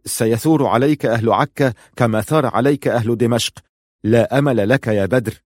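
A man reading the part of a trembling male captive who pleads in a rushed way for his life. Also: medium pitch, dry recording, studio quality, close to an everyday voice. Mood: pleading, frightened.

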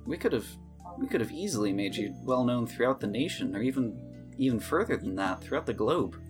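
A man voicing a weary adult woman who calmly questions an old friend. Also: medium pitch, a little fast, over music, close to an everyday voice. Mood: reproachful.

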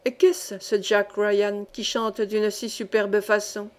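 A woman reading the lines of an older male mining engineer, with calm, courteous questions. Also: medium pitch, slow, natural voice. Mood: measured.

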